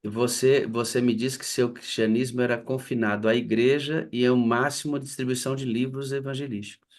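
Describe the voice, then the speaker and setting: A man's voice: mid-range voice, level tone, fairly quick. A man, a pastor, prompting a church member with brief questions.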